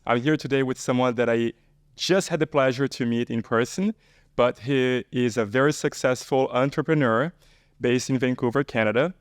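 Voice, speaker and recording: Male podcast host, clear resonant voice, medium pitch, conversational interviewing, very dry recording. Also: no room sound.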